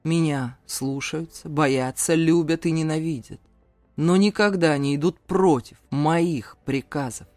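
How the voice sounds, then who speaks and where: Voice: mid-range voice, dry recording, soft background music, close to an everyday voice. A reader doing a brooding domineering father. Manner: slow, brooding, erupts into shouting. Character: stern powerful older father, domineering patriarch. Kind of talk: audiobook character voice.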